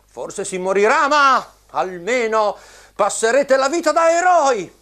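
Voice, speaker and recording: A man voicing a pompous, declaiming, warmongering lord of war in a children's puppet play. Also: very high voice, lively intonation, measured pace, heavily acted. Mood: pompous, martial.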